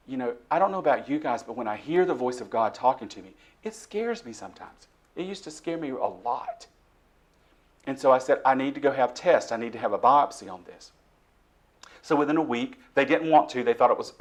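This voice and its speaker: Middle-aged male preacher, testimony sermon in church, mid-pitched, moves from near-whispers to forceful bursts. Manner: dramatic swings between soft hushed lines and loud emphatic ones.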